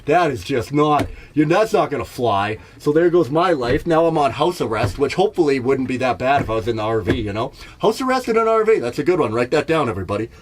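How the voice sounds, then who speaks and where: A middle-aged Canadian man, medium in pitch, talks at a quick, animated clip with few pauses over slight background noise. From an RV in Jasper, he tells casual stories in a self-mocking, rambling comedy podcast monologue, laughing along at his own bits.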